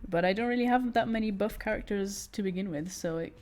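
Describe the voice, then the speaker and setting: A British-accented woman, born in Italy, chats casually with her stream while she draws, giggling often and restarting her sentences. Her medium-pitched voice is fast and a little mellow.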